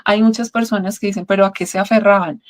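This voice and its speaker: A woman's voice: mid-range voice, fairly even intonation, fast. A middle-aged woman, earnestly telling her own testimony in an interview, often checking in with "¿sí?". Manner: earnest, reflective, often asks "¿sí?". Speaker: guest sharing a testimony.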